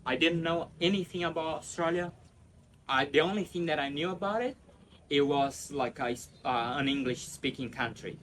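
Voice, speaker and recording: A Brazilian man, native Portuguese speaker, is a guest in a casual English interview, talking with a Brazilian accent. His voice is a little high and fairly bright at a normal pace, chatty and spontaneous with many fillers and restarts. There's a slight hiss or hum.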